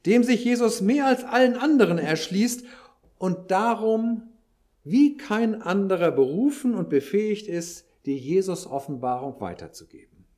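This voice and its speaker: Male preacher, sermon delivery, unhurried, explains with dry asides. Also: sits high, animated, darkish tone. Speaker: pastor.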